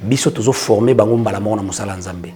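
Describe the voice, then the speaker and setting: A man's voice: on the low side, fast, mellow, faint music behind. A man, a church prophet explaining his work in an earnest casual interview. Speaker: church prophet and orphanage founder.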